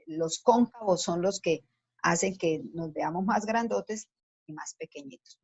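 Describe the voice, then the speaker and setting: A woman's voice: fairly low pitch, a little mellow, breathy edge. A woman teacher giving a science lesson to children, explaining patiently step by step and asking the class questions as she goes. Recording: dull lo-fi sound.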